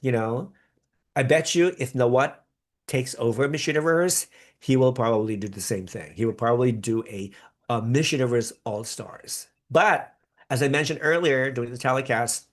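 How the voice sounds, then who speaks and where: At a medium pitch and moderate pace, a Philippine-born, American-raised podcast host rambles through a live reaction stream of a pageant, reading viewer comments in a chatty way punctuated by upbeat bursts.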